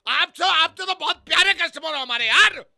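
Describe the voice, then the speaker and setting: A man playing an irritable shouting tailor in a comedic prank phone call, scolding loudly. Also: extremely high pitch, lively intonation, brisk, creaky.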